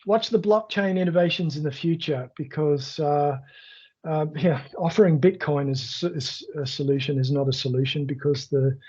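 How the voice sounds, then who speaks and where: A man presenting in a live webinar, answering questions in a loose, conversational way with many fillers and a croaky voice that makes him clear his throat. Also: a little high, a little mellow. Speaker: webinar presenter on online selling. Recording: dull lo-fi video call audio.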